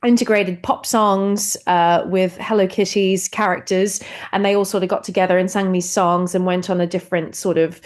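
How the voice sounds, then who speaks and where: A woman's voice: on the low side, moderate pace. Bubbly New woman in her thirties. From New Zealand. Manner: bubbly, expressive, laughs often. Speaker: actress and singer, guest. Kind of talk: casual interview chat.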